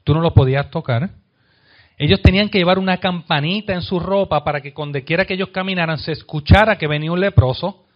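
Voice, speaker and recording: A man with a slightly high voice and a Puerto Rican accent preaches a sermon, putting questions to his congregation. He reads passages of scripture aloud and lets the most important lines fall quiet and low. The recording is dull and lo-fi. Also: fast talker. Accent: Puerto Rican Spanish. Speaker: pastor.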